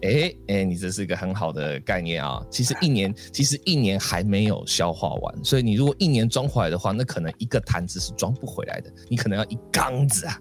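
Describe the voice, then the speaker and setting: A man's voice: on the low side, animated, fast talker, hardly any pauses, faint music behind. A man hosting a podcast, casually telling a folk ghost story with many fillers and acted voices. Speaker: podcast host.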